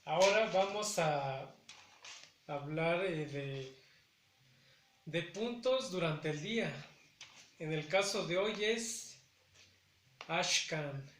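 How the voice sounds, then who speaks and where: A man's voice: high-pitched, slow pace, pauses often, a bit bright, echoey room, slight background noise. A man teaching a language lesson, carefully repeating each word with hesitant fillers between phrases. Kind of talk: slow spoken language lesson.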